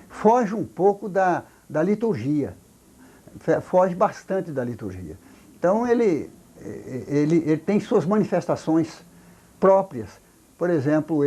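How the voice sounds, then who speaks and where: An older man from Brazil with a Brazilian Portuguese accent, a folklorist explaining things slowly in an interview, halting with many repeated words and restarts. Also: mid-range voice, warm tone. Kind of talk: recorded oral history interview.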